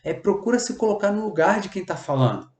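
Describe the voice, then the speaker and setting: A man with a Brazilian accent giving a lively live talk on workplace communication, speaking straight to his listeners and acting out little exchanges. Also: high-pitched, quick pace, echoey room. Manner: lively, addresses listeners directly, acts out little dialogues. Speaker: communication coach.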